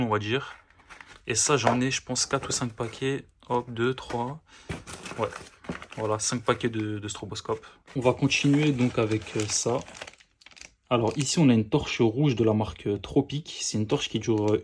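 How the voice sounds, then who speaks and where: Homme, ton de vlogueur décontracté, hésitant, voix moyenne, léger souffle derrière. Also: male voice, mid-range voice, a little hiss or hum. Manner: hesitant, many fillers and self-corrections. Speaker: youtuber unboxing fireworks. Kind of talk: casual unboxing commentary.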